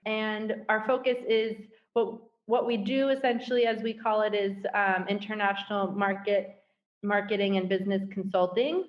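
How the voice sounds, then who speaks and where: A woman's voice: mid-range voice, fairly even intonation, normal speed, lo-fi sound. A woman from the United States, chatty and upbeat, laughing easily as a guest in a casual video-call interview.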